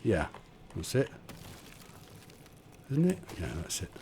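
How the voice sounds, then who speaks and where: A man streams a building game from home on a desk condenser mic, chatting casually, muttering as he builds, and poking fun at himself in tutorial-style commentary. His voice is medium-pitched and darkish, with huge swings in pitch and a slow pace, over a little hiss or hum.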